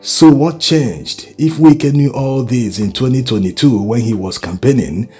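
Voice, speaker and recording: A Nigerian man presents pointed political commentary at a middling pitch, with music faintly underneath. He speaks emphatically, urging listeners on and driving his points home with rhetorical questions. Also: lively intonation, a little slow, mellow. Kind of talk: opinionated political commentary to camera or voice-over. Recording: music behind the voice. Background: background music.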